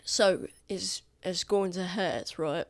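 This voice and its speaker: A woman's voice: fairly low pitch, slow pace. A woman acting as game master, improvising narration in an informal, conversational way. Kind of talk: casual improvised tabletop narration.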